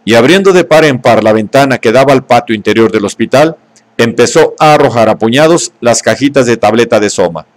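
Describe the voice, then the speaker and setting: A man's voice: medium pitch, expressive, fairly quick. Man reading an audiobook steadily. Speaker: audiobook reader. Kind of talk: audiobook narration.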